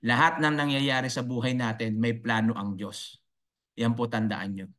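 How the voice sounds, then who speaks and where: A man from the Philippines giving an online business coaching talk, preachy and faith-filled, who keeps asking his viewers "right?" and lets his voice rise high on emphasis. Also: steady tone, normal speed, a bit bright. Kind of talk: motivational live talk to viewers.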